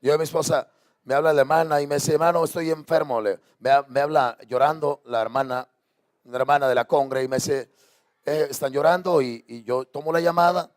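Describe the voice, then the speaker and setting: Pastor guy preaching hard in church, kinda high voice, keeps asking questions. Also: fairly even intonation, brisk. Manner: impassioned preaching, repeated rhetorical questions. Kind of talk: sermon. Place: church sanctuary.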